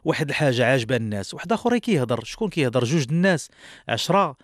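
A man's voice: medium pitch, sing-song, very fast, dry recording, clean studio sound. A male singer with a Moroccan accent answering interview questions earnestly, often restarting his sentences.

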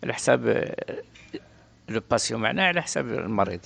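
A man's voice: medium pitch, expressive, fast talker, gravelly, fairly bright tone. A middle-aged man with a Moroccan accent answers interview questions about his craft in a casual, plain-spoken way, often repeating himself. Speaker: orthopedic shoemaker being interviewed.

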